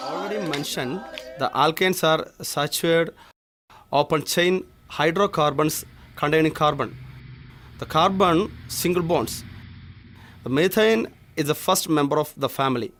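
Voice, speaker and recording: Guy doing a snappy sneering chemistry lecturer, malayali english accent, slowish heavy delivery. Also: fairly high pitch, a little hiss or hum. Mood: lecturing. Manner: lectures in a rushed monotone, snaps scornfully at students. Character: impatient, contemptuous male chemistry lecturer. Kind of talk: short film acting.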